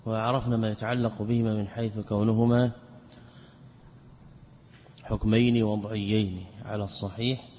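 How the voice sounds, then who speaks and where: A male scholar lectures with a low, steady voice that barely moves in pitch. He explains things step by step, asks himself questions and goes over his terms again slowly. The sound is dull and lo-fi, with a long reverb tail and faint hiss. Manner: measured explaining, with rhetorical questions, repeats phrases slowly. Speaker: Islamic scholar teaching a text. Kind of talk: classroom lecture on legal theory.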